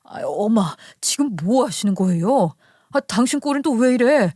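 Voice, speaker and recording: A woman's voice: a little high, animated, moderate pace, warm tone, no room sound, studio quality. A woman voicing a flustered young man who pleads with his mother in an exasperated way, in a told story. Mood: pleading. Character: panicked young man, embarrassed grown son.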